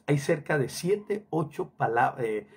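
A man's voice: on the high side, animated, takes it slowly, husky. A middle-aged man preaching a sermon emphatically, repeating phrases for stress and dropping Hebrew words into his talk.

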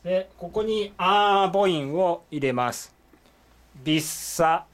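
A man's voice: high-pitched, a little slow. A man explaining words step by step in a whiteboard language lesson, with many fillers. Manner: lively, explanatory, with frequent "eh" fillers. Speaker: Korean language teacher.

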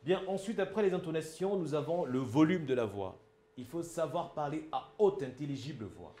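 Man with Cameroonian French accent, public speaking trainer, higher mellow voice, emphatic and pointed, in an echoey room. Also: animated, normal speed. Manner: emphatic, asks the audience if it is clear. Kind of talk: instructional talk.

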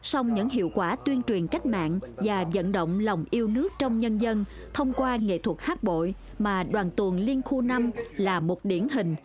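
A woman reading a documentary voice-over in a measured, formal way. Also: mid-range voice, animated, music in the background. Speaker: documentary narrator. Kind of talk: scripted narration.

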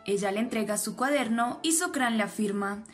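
A woman's voice: on the high side, normal speed. A woman steadily narrating an episode recap, reading the characters' lines plainly. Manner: steady storytelling, reads quotes plainly. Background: faint background music.

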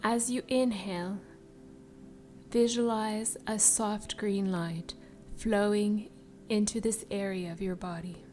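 A woman guiding a meditation in a soft, breathy spa voice that trails into whispers, soothing and unhurried. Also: mid-range voice, fairly even intonation. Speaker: meditation guide. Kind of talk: slow guided meditation narration. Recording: music behind the voice. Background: background music.

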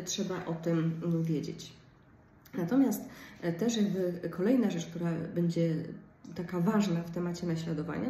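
A woman speech therapist explaining in an informal lecture, with frequent pauses and hesitation fillers. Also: medium pitch, warm tone. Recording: roomy, from a distance, faint background noise.

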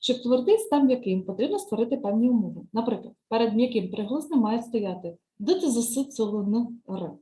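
A woman teacher trainer giving a step-by-step screen-share software tutorial, patiently explaining each click and lesson task and often checking "right?". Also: on the high side, expressive, a little fast, hardly any pauses, slight background noise, rough recording.

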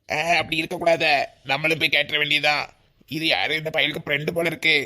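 A scheming older suitor in a cartoon coaxes and wheedles, as a man voices him. He has a Kanyakumari Tamil accent. His voice is gravelly and bright, set a little high. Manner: coaxing, wheedling. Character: scheming older brother type, persuasive suitor. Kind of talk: cartoon voice acting.

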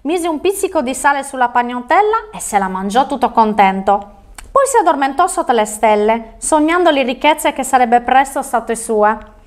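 A woman's voice: high-pitched, very animated, moderate pace. A woman telling a fairy tale on a children's show, reading expressively.

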